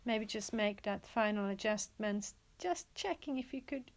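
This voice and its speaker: A woman leads a yoga nidra guided relaxation meditation, her expressive mid-range voice gentle and soothing. She leaves pauses and repeats inviting phrases as she guides.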